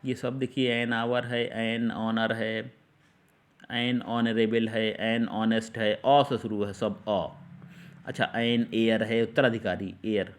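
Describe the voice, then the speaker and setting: A man's voice: fairly low pitch, flat delivery, takes it slowly. Man teaching English articles in Hindi. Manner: repeats and quizzes with questions.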